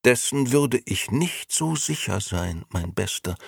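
A man reading aloud, voicing a cold, scheming gentleman who persuades slowly and smoothly. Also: medium pitch, expressive, no echo, studio quality, voice pushed up, full character voice. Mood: icy. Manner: slow, smooth, icy persuasion. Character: cold scheming grey gentleman, adult male.

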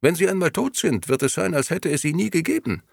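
A man's voice: lively intonation, fast talker, creaky, no echo, clean studio sound. A man putting on a cold grey agent's voice. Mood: coldly persuasive. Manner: clipped, insistent salesman pitch. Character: cold smooth grey male agent, persuasive.

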